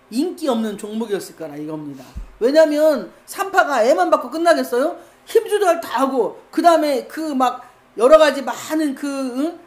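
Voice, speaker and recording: A woman preacher delivering a sermon with animated storytelling, acting out scenes as she goes. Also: high-pitched.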